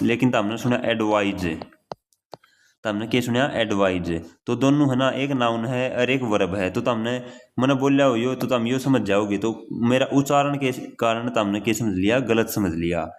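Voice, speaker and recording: A man's voice: medium pitch, brisk. A young man teaching an exam-prep grammar lesson in a casual, repetitive way, often repeating key phrases and calling the listener brother.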